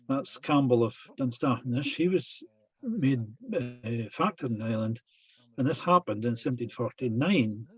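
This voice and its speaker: A man giving a lecture that retells traditional tales, speaking in a halting, deliberate way. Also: mid-range voice, a little mellow, slightly rough, rough recording.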